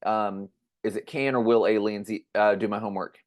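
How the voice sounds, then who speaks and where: A man's voice: on the low side, fairly even intonation, fairly quick. A man hosting a podcast, chatting casually and rambling with eager restarts. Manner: rambling, restarts, enthusiastic fan talk. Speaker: podcast host. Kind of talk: casual chat.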